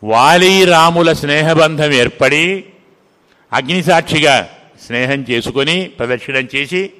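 A man's voice: on the high side, measured pace, sharp tone. Man giving a sermon in an echoing hall. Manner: questioning the audience, dramatic retelling. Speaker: religious discourse speaker. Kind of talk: devotional storytelling sermon. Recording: reverberant hall.

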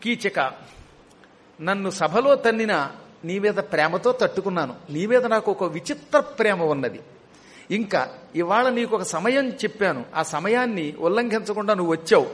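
A male storyteller voicing a mighty male hero who speaks in a hard, menacing, measured way. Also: high voice, expressive. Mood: grim menacing.

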